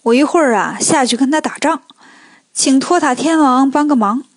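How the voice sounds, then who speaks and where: A woman doing a cocky warrior god, slightly lower. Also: normal speed, dry recording, studio quality. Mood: scheming. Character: bold male celestial warrior god, scheming.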